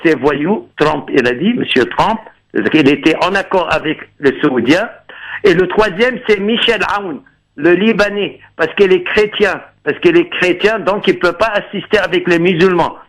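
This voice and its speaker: A man's voice: high-pitched, normal speed, fairly bright tone. A man calling in to a radio show, giving a long, digressive political commentary in an earnest tone over a phone line. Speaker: radio caller.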